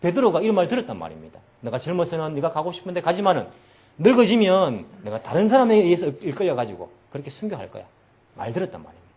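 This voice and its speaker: Animated male pastor preaching. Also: on the high side, fast. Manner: animated preaching, acting out quoted voices. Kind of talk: sermon. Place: church.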